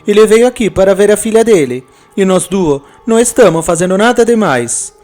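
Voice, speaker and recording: A man voicing a fiery, anxious Italian immigrant mother with an Italian accent, speaking high and insistent. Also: lively intonation, fairly quick, dark tone, soft background music, close to an everyday voice.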